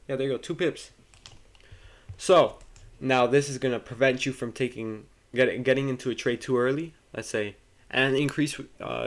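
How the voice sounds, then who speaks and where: Man as casual trading tutor, loose and chatty, stumbles and self-corrects, talks straight to viewers. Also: mid-range voice. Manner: loose, chatty, often restarts and corrects himself mid-sentence; addresses viewers informally. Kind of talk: casual screen-share trading lesson.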